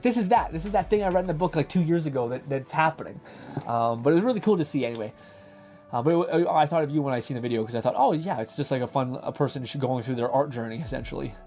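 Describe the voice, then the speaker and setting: A young man is hosting a livestream, his voice fairly high and a little mellow. He rambles in casual chat, laughing and reading messages aloud, and his throat sounds dry.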